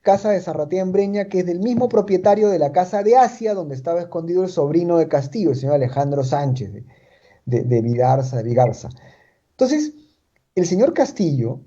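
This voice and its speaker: A man's voice: fairly high pitch, animated, a little fast, dark tone, highs cut off. A man from Chiclayo, Peru, with a Peruvian Spanish accent, giving political commentary as an analyst in an interview. He talks emphatically, repeats his points and tags them with rhetorical questions.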